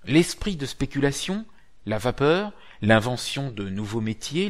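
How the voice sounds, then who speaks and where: A man narrates a script in a formal, literary reading manner. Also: medium pitch.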